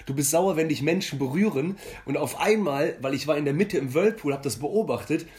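A young man tells joking, animated anecdotes in a casual podcast chat. His voice sits a little high for a man. He speaks lively and loose. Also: brisk. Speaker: podcast co-host.

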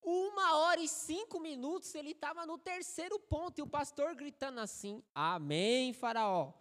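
Speaking at a moderate pace, a thirty-something man with a Brazilian Portuguese accent preaches as a guest in a church sanctuary, his voice fairly high for a man. His sermon is joking, animated and conversational, built on humorous stories, and the long church hall reverb is clearly audible.

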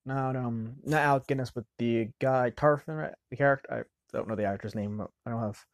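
A man giving casual film commentary, rambling and halting, often restarting mid-sentence. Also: mid-range voice, no echo.

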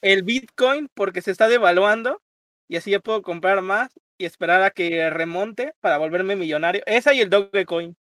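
A man's voice: sits high, moderate pace, fairly bright tone, no room sound, studio quality. A young man chatting playfully on a casual podcast, with theatrical outbursts. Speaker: podcast co-host.

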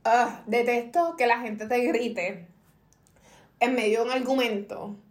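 A woman's voice: on the high side, slow pace, roomy sound. A woman with a Puerto Rican accent, co-hosting a casual chat and telling stories with acted-out quotes. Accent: Puerto Rican Spanish. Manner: animated storyteller, acts out quotes. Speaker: podcast co-host.

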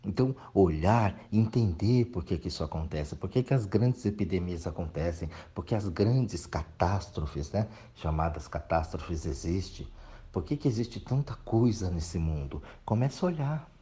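A man with a low, mellow voice delivers a preachy reflective monologue. His pitch swings widely as he presses each point and mocks complainers in whiny voices. He comes from Brazil. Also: lively intonation, normal speed. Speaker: motivational speaker.

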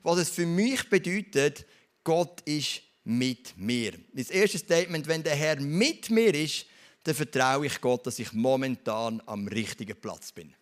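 A man's voice: on the high side, lively intonation, a little slow. A man with a Swiss German accent preaching a sermon. He retells a Bible story and puts questions straight to his listeners.

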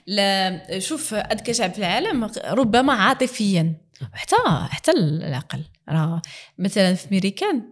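A woman's voice: medium pitch, very animated, moderate pace. A woman with a Moroccan accent, a guest in a casual interview, speaking earnestly and mixing in French words.

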